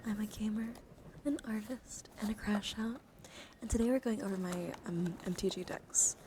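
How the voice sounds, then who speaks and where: Hosting an ASMR livestream, a woman speaks softly at normal speed, often dropping to a whisper, her mid-pitched voice breathy and gentle. She's a livestreamer and VTuber rambling intimately to viewers close to the mic, with clearly noisy ambient sound behind her.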